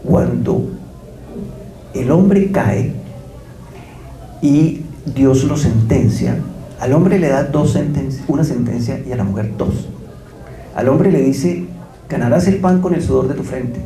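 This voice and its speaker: Male guest lecturer, gravelly low-toned voice, storytelling delivery, echoey room. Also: lively intonation, unhurried, pauses often, mellow. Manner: storytelling with quoted dialogue. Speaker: guest speaker. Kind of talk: religious lecture.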